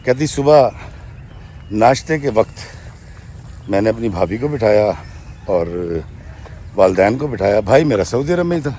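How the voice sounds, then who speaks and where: A man with a mid-range, dark voice and lively intonation narrates, leaving long pauses, against slight background noise. The true story he tells viewers is a woman's account in her own words, punctuated by "she says," and he sometimes speaks to listeners as friends.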